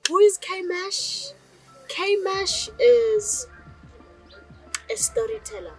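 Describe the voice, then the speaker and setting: A young woman from rural South Africa, whose first language is Northern Sotho (Lobedu), tells stories in a direct-to-camera personal vlog. Her voice is very high and sing-song, extremely slow, with faint music behind it on a low-quality recording. Chatty in manner, she speaks straight to viewers and keeps posing rhetorical questions.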